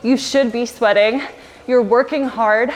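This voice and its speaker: A woman's voice: on the high side, steady tone, a little slow, rough recording. A woman spin instructor cycling hard as she coaches, urging the class on with short, punchy motivational cues. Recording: loud music behind the voice. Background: workout music.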